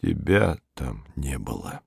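A man reading the part of a withdrawn young male spaceman in a low, hushed voice. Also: sing-song, takes it slowly, creaky, husky, no echo, clean studio sound, full character voice. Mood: sorrowful.

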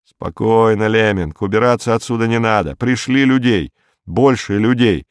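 A man performs an excited male expedition leader calling over a radio link in an audiobook. He pushes his voice up high and presses urgently, issuing one command after another. The recording is dry and close. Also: normal speed, clear, resonant tone, no echo, lightly acted.

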